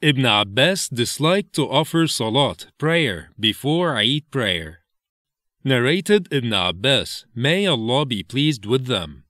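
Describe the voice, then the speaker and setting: A man reading scripture slowly and deliberately, with a lively, rising and falling melody. The sound is dry and close, with no room around it. He stops to explain each Arabic term in plain English. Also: mid-range voice, no echo. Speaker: reader of hadith translations. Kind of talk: slow measured scripture reading.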